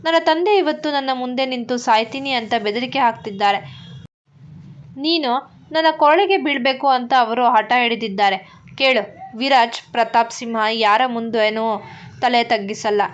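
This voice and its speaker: A woman voicing a cruel, furious young rich man who shouts scornful threats. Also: on the high side, moderate pace, muffled recording, natural voice.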